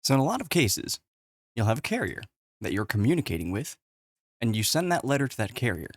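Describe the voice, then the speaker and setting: A man's voice: mid-range voice, big pitch swings, a little fast, no room sound, studio quality. A man casually explaining tech on a whiteboard, exasperated and profane, recorded on a webcam. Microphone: webcam with face overlay.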